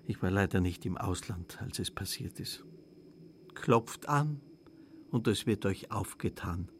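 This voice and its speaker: A vain, mournful ghost of an old shopkeeper, speaking in a low, gravelly voice. He broods over what he lost and keeps sinking into a hushed whisper. It is a literary radio play monologue. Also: expressive, unhurried, slight background noise. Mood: bitter. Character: dead older male shop owner, vain and mournful.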